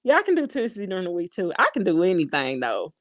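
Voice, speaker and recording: A woman's voice: on the low side, huge pitch swings, fast talker, fairly bright tone, no echo. A woman chatting casually to her viewers, reading comments aloud and laughing often. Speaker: vlogger.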